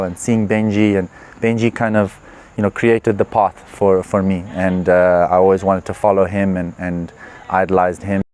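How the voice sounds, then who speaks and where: A man, a professional tennis player answering interview questions in an earnest, relaxed way with many fillers. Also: fairly low pitch. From Zimbabwe. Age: 20s. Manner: relaxed, earnest, with frequent "uh" and "you know" fillers. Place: tournament venue.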